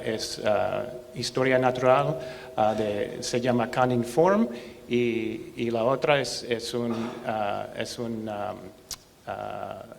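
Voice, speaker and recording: American man speaking halting, slow, accented Spanish. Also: medium pitch, gravelly. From United States, Seattle. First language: English. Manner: halting, hesitant, searching for words in a second language. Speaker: researcher presenting a clinical trial. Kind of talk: presentation talk. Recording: hollow reverberant hall, faint noise.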